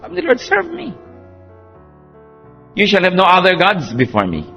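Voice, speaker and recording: A man preaching a sermon, animated, swinging between soft passages and emphatic peaks. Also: high-pitched, fast, highs cut off, soft background music.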